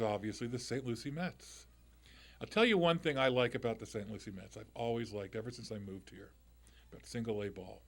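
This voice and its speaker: Into a studio microphone, a loud, medium-pitched middle-aged man runs a live call-in radio show. He chats in a loose, conversational way, looping back with restarts and brief asides.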